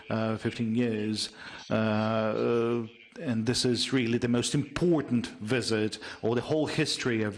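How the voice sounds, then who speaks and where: A live interpreter voice: a man of middle pitch translating a speech simultaneously for a news broadcast. He speaks in halting bursts, filling gaps with hesitations as he catches up with the speaker. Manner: halting, with frequent hesitation fillers.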